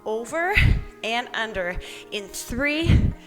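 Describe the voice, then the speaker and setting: A woman's voice: on the high side, animated, slow pace, soft background music. A woman leading a workout as instructor, encouraging and counting down cues while exercising along. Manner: exerting herself while talking, exercising along.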